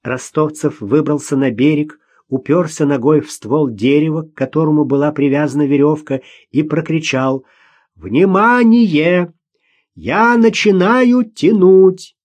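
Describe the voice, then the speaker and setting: A man's voice: fairly high pitch, steady tone, normal speed, hardly any pauses, a little mellow. A man reading a novel aloud as an audiobook narrator, telling the story expressively.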